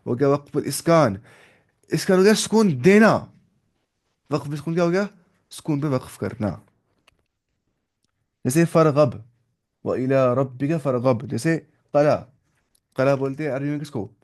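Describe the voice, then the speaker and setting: A man teaching a tajweed lesson who asks questions and answers them himself, chants Arabic words slowly, and mixes English words into his explanations. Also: on the high side, animated, darkish tone. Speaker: Quran recitation teacher.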